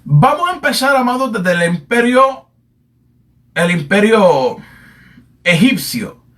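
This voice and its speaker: High-pitched guy preaching a bible lesson, repeats himself a lot, kinda far from the mic. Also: sing-song, takes it slowly, fairly bright tone. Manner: repetitive, addresses listeners as "amado", many fillers. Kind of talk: sermon-style Bible teaching.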